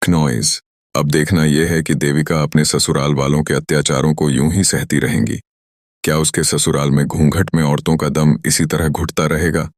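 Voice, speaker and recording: A man narrating a family cartoon story in a dramatic, even storytelling manner. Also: a bass voice, moderate pace, no echo, studio quality.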